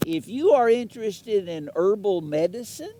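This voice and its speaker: Male announcer, folksy and chatty, mellow tone, slightly high voice. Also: sing-song, moderate pace. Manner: folksy, chatty, laughs between lines. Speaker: parade broadcast announcer. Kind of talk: folksy live sponsor readouts.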